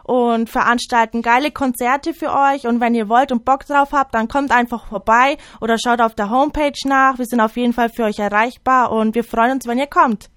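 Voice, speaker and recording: A woman's voice: fairly high pitch, fairly even intonation, moderate pace, hardly any pauses, fairly bright tone, no echo. A young woman promoting events as a volunteer in a colloquial, scripted youth radio style. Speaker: volunteer concert organizer.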